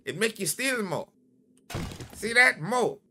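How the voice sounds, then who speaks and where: Guy yelling and trash talking through a game, high voice that jumps all over, noisy mic. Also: takes it slowly. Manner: loud, excitable trash talk at enemies. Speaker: gaming channel host. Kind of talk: let's-play commentary.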